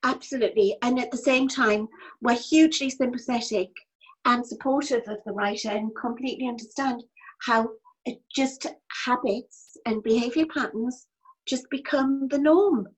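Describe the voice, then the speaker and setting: Woman, bright high voice, co-host making dry asides, relaxed chat. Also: normal speed. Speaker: advice podcast co-host. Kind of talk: casual chat.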